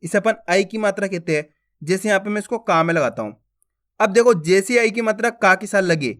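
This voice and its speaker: A man leads a beginner lesson on Hindi letters. He draws out each syllable slowly and calls it out loudly, then checks with the viewer whether they have understood. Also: high voice. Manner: slow, drawn-out syllable drills with questions to the viewer. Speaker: Hindi teacher.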